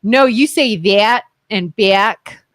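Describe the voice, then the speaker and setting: Speaking slowly with a medium-pitched voice, a woman from Ohio co-hosts a laid-back radio talk show from a studio, animatedly telling stories and performing the voices of their characters. The sound is clean studio audio with no echo.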